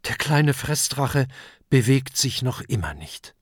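A storyteller reads a children's adventure at an unhurried pace, with a lively, rising and falling melody. The sound is dry and close to the mic. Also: medium pitch, slightly rough, dry recording. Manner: expressive, dramatic storytelling. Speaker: audiobook reader. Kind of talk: children's audiobook narration.

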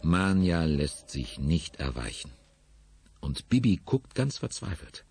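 A man narrating a children's radio play in a hushed storytelling manner. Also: sits low, very animated, slow pace, breathy edge.

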